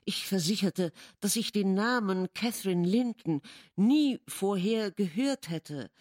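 A woman reading a classic novel aloud as an audiobook, in measured, dramatic storytelling. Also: medium pitch, lively intonation, darkish tone. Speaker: audiobook reader. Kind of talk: literary audiobook narration.

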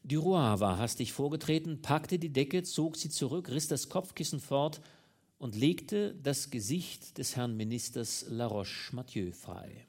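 A male audiobook reader narrates a classic novel at a measured, dramatic pace. His voice has a gravelly, creaky grain at a middle pitch. The reading is steady and storytelling in manner.

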